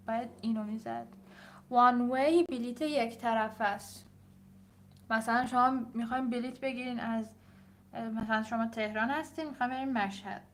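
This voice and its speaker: A young adult woman with a Persian accent, an English teacher talking casually while she grades her students' papers, reading items aloud slowly and then explaining quickly. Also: a little high. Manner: switches between slow read-aloud and quick explaining.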